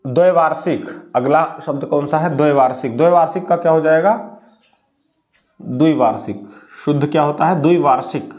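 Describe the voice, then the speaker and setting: A young male teacher with a fairly high voice leads a spelling drill. He asks a question and then answers it himself. He stretches key words out slowly. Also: darkish tone. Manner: drags out words slowly when stressing them. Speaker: Hindi teacher. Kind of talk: classroom spelling lesson.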